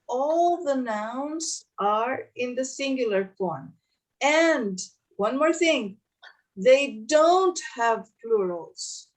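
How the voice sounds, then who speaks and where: A woman teaching an English class, drilling pronunciation and correcting students slowly and clearly. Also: on the high side, distant mic. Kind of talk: online English lesson.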